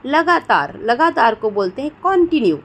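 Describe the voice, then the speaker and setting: A woman's voice: sits high, big pitch swings, normal speed. A woman with an Indian accent teaching English words, who keeps checking in with her listeners and asks each question before she answers it. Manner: repeats "theek hai doston" often and asks questions before giving answers. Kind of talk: spoken vocabulary lesson.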